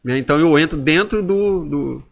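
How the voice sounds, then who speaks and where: Guest, man in his 40s, gravelly, slightly high voice; heartfelt testimony, acts out the inner dialogues. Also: normal speed. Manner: intense storytelling, acting out inner dialogues. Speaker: podcast guest. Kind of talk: emotional personal testimony.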